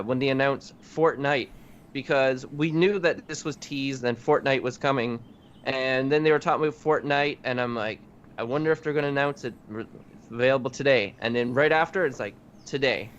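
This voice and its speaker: A man's voice: medium pitch, fairly bright tone. A man co-hosting a casual podcast chat, easygoing and rambling, correcting himself as he goes. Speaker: podcast co-host. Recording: dull lo-fi audio with faint hiss.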